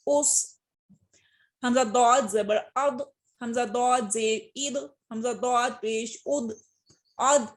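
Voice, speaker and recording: A woman teaching Quran reading, pronouncing letters slowly and carefully between quicker explanations. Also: a little high. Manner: slow drawn-out syllable drills between quick explanations. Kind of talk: recorded tajweed lesson.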